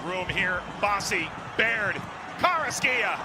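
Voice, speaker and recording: A man's voice: sits high, animated, takes it slowly. A man doing live soccer play-by-play, calling players' names in clipped phrases. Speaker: play-by-play commentator. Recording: loud stadium noise behind commentary. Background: noisy stadium ambience.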